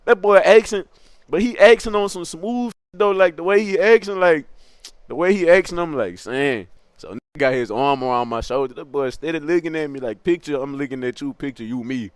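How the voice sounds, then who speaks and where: A young man telling a funny story in a casual, animated, slangy way, acting out other people's lines in a high voice. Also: fairly quick, clear, resonant tone, dry recording, clean studio sound. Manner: animated slangy street storytelling, laughing, acts out quotes in a high voice.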